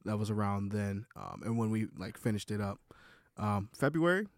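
A man guest on a podcast, soft-spoken and hesitant, talking casually with many fillers. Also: on the low side, lively intonation, moderate pace, no echo, studio quality. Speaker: guest musician.

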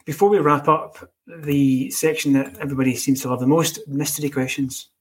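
A man hosting a casual podcast chat, playful and quick to praise his guests. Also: fairly high pitch, steady tone. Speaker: podcast host.

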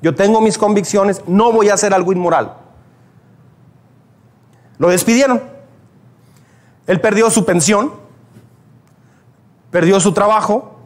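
A man's voice: sits high, unhurried, long pauses. A male pastor, preaching a sermon and telling stories, acting out the prayers he quotes.

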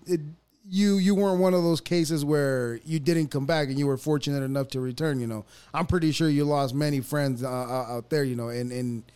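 Male host, thirties, from El Salvador; casual, stumbling, chatty, a touch high-voiced. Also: darkish tone, clear, resonant tone. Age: 30s. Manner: halting, restarts often, laughs easily. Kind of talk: casual conversation.

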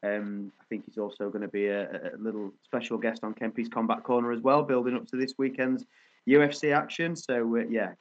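A man's voice: mid-range voice, steady tone, brisk. A man co-hosting a sports podcast with casual, blokey, matey banter. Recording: dull lo-fi audio.

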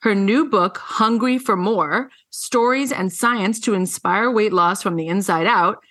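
Her voice is medium-pitched and fairly bright, a little slow. As podcast host she reads a scripted introduction of her guest before shifting into casual conversation, speaking effusively and affirmingly.

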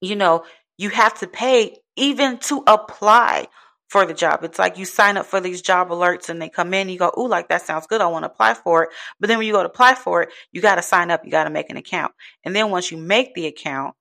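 A woman's voice: lowish voice, brisk, gravelly, pushed and bright. A young adult woman venting in a casual monologue, blunt and frustrated, swearing freely. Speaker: vlogger.

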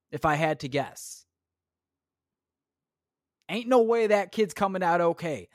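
A young man hosts his own podcast in a solo comedic rant, rambling crudely, poking fun at himself and swearing a lot. His voice sits on the high side, and the recording is dry with studio quality.

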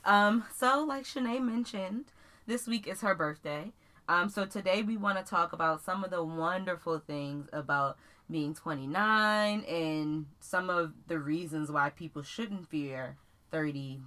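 A woman's voice: low voice, measured pace, bright, forceful tone. A woman in her twenties co-hosting a podcast, chatting casually with slangy talk and frequent laughter. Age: 20s. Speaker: podcast co-host. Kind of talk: casual chat.

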